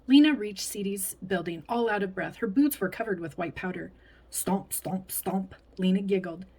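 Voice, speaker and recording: A woman's voice: medium pitch, brisk, slightly rough. Woman reading a picture book aloud. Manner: expressive, with whispered and playful sound words. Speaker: storybook reader.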